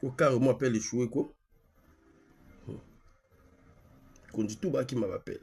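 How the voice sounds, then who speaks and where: On his live stream, a man from Congo runs a colloquial activist monologue, phone call included, hammering points with repetition and rhetorical questions. He has a Congolese accent and a husky, mid-range voice with a darkish tone, speaking insistently at normal speed.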